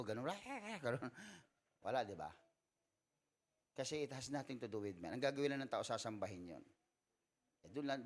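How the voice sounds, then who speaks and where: A man with a Filipino accent, preaching as a pastor. He answers church questions in a loose, joking way and slips into English for key points. His voice sits in a middling pitch. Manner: joking, mixes Tagalog with English. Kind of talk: Sunday school sermon with Q&A. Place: church hall.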